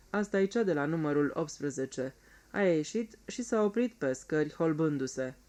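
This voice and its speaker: A man reading an audiobook aloud in a calm, even storytelling manner. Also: a little high. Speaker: audiobook reader. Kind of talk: scripted audiobook narration.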